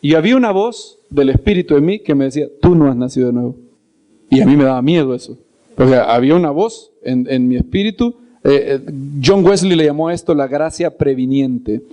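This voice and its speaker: A man's voice: a little high, a little fast. A man preaching in a storytelling way, acting out the scenes he tells and repeating words for emphasis. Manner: animated, acts out scenes and voices. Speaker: preacher and Bible teacher. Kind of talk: storytelling sermon.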